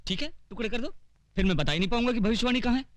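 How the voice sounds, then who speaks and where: A man's voice: extremely high pitch, animated, rapid-fire, a bit bright, slight background noise. A man playing a stubborn, cheeky boy who gives defiant, teasing replies.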